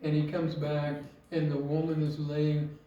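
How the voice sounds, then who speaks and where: Echoey, high-voiced man preaching on marriage. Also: monotone, dark tone, far from the mic, highs cut off, slight background noise. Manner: earnest, rhetorical questions, slow emphatic phrasing. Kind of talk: sermon. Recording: very echoey, from off mic.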